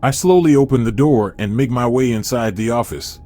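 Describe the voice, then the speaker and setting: A man's voice: mid-range voice, normal speed, warm tone, faint music behind. Man narrating a horror story. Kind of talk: scripted first-person horror narration.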